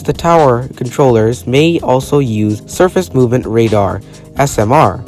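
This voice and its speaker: A man with a medium-pitched, darkish voice narrates a scripted explainer video over music. His educational delivery is formal and matter-of-fact, though he occasionally stumbles over a word.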